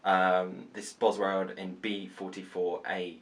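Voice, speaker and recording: A man's voice: sits low, monotone, measured pace. A man reading out viewer questions off camera, brief and matter-of-fact.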